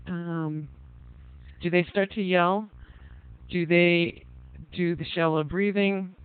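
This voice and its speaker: A man's voice: sits high, takes it slowly, clean tone, dry recording. A man leading a parenting class, chatting casually with frequent ums, reading out the group's answers and asking them questions. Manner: reads out participants' answers and asks the group questions; relaxed, conversational, frequent ums. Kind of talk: online class lecture. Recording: tinny phone-like line, dry.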